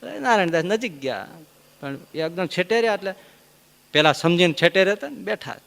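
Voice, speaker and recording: Swami preaching in a reverberant hall. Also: male voice, animated, a little fast, creaky. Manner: acts out characters' dialogue with sudden loud high outbursts. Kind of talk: sermon with story-telling.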